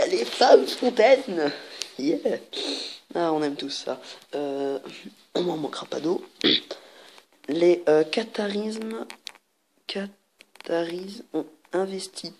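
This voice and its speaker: With a lowish, creaky, somewhat mellow voice and some hiss or hum in the audio, a woman gamer comments on her channel's online party card game. She reads the cards out, laughs regularly, and drops crude jokes.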